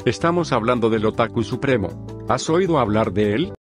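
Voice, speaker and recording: A man playing a curious, slangy young anime fan in an animated comedy. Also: mid-range voice, normal speed, music in the background, natural voice.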